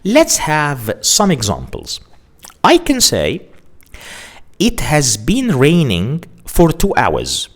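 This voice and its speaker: A man teaching an English grammar lesson, speaking deliberately, spelling out words and stressing key forms. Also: on the high side, huge pitch swings, fairly bright tone.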